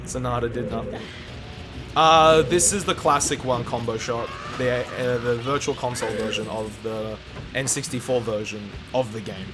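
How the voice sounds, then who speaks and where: A young adult Australian man streams a video game speedrun, chatting casually with viewers and calling them "mate" and "dude." His voice sits in the mid range at a normal speed, with music playing underneath.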